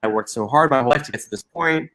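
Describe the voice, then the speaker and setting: Speaking very fast in a fairly bright, medium-pitched voice, this forties-aged Egyptian man is a social entrepreneur being interviewed. His earnest reflections are full of restarts and fillers, and slight background noise can be heard.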